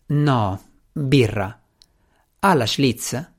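A man reading an audiobook voices a shy man in his thirties, ordering and asking in soft, tentative lines. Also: medium pitch, drawn-out words.

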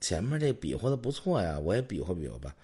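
Male podcast host, deep rough voice, chatty storyteller. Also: big pitch swings, fast talker, warm tone. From China. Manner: chatty, tells jokes and anecdotes. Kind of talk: casual storytelling chat.

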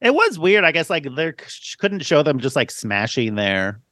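Man, high lively voice, casual podcast chat, dry close sound. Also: normal speed, dry recording. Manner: animated, chatty, scores categories. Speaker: podcast co-host.

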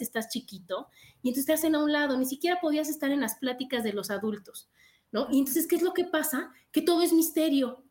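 Chatty woman in her forties, co-host, high voice, roomy echo. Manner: chatty, animated storyteller acting out quotes. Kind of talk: casual conversation about parenting.

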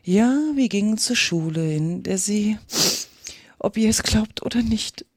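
A reader voicing a sad, sighing mock turtle, speaking slowly and plaintively in a storybook reading. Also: mid-range voice, a little mellow, no echo, clean studio sound, voice pushed up. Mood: mournful. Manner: slow, drawn-out, plaintive. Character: mournful sighing mock turtle from a fairy tale. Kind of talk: reading a children's classic aloud.

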